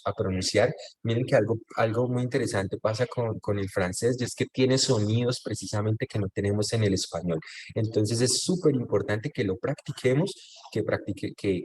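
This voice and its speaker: A man's voice: fairly low pitch, a little mellow, breathy edge. A man teaching French in an online class, patiently checking that students follow and mixing French phrases into Spanish explanations over a video call. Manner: patient, often checks understanding with tag questions.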